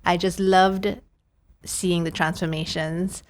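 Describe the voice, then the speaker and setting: With a lowish voice, flat delivery and a slow pace, this woman in her thirties from Trinidad recounts her path as a prosthodontist on a conversational podcast. She frequently voices her own past thoughts as quotes.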